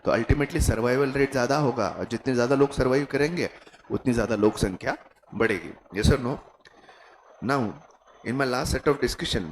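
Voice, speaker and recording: A man's voice: medium pitch, a little hiss or hum, poor audio. A man with an Indian accent giving a classroom lecture, conversational and joking, often checking in with rhetorical questions. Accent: Indian English. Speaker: teacher.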